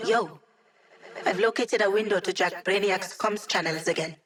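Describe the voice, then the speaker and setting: Playing a video game's hacker support character, an actress uses a mid-range, lightly acted voice. This witty young woman tosses quick, teasing, wry quips at her teammates.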